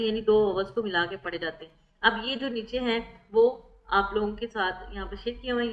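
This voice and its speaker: A woman's voice: a little high, fairly bright tone, highs cut off. A woman online tutor, explaining exam material step by step over slides. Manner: repeats "theek hai" often, explains step by step.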